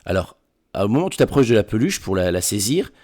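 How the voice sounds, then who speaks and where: A man narrating a tabletop role-playing game as game master, halting and often repeating words. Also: fairly low pitch, sing-song, a little mellow.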